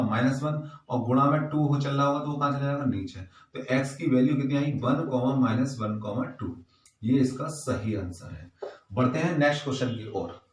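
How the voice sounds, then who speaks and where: A man's voice: medium pitch, recorded from a distance, a little hiss or hum. A man teaching a maths exam solution, going step by step and asking rhetorical questions as he works through each sum. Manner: patient, step-by-step explaining with repeated rhetorical questions. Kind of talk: exam-paper maths lesson. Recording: roomy echo, voice off-mic.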